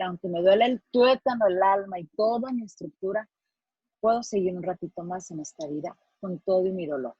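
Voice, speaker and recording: Mexican lady psychologist lecturing students, kinda husky, dry muffled sound. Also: medium pitch, mellow, no room sound. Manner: earnest and explanatory, acting out quoted phrases. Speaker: psychologist giving a talk to students.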